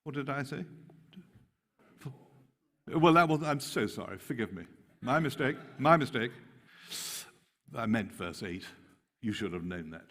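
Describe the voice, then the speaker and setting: A man preaching a conference sermon, animated and mocking in tone when quoting scripture. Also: on the low side, normal speed, long pauses. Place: large hall. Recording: long hall reverb.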